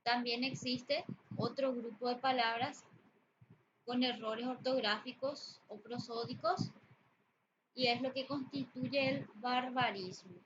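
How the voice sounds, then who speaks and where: A woman teacher giving a spoken lesson on grammar and usage, explaining slowly with pauses and fillers. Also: fairly high pitch, steady tone, fairly bright tone. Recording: dull lo-fi audio with background noise.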